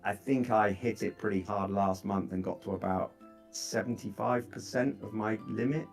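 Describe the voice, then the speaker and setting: A man chatting casually about coding setups, bouncing between thoughts with lots of fillers and restarts. His voice sits a little low and comes through a laptop microphone, with faint guitar music in the background. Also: normal speed, vocal fry. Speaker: software developer chatting on a call. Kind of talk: casual chat.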